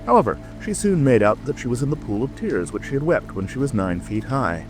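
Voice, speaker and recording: A man's voice: medium pitch, sing-song, a little fast, a little mellow. A man narrating a scripted storybook as a dramatic audiobook reading. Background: music, rain ambience.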